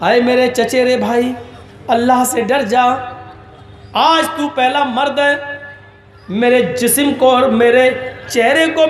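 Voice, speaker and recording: A man's voice: very high voice, distant mic. A man preacher voicing a devout young woman who pleads in fear, in an earnest recited tone. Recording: echoey hall reverb.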